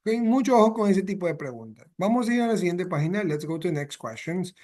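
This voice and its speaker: High-voiced bilingual English teacher. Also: male voice, animated, fast talker, darkish tone. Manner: mixes English and Spanish, repeats phrases with "¿ya?" and "¿ok?". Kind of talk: bilingual classroom explanation.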